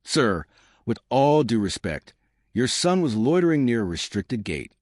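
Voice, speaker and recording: A man's voice: medium pitch, big pitch swings, measured pace, a little mellow, dry recording, studio quality. A man voicing a smug male airline pilot who turns defensive and stammers.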